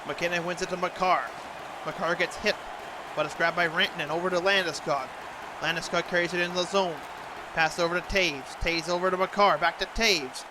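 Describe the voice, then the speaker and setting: A man's voice: high voice, fairly even intonation, a little fast, a crowd in the background, noisy background. A man doing amateur hockey play-by-play commentary for a video game in short clipped phrases, in the style of a sports announcer.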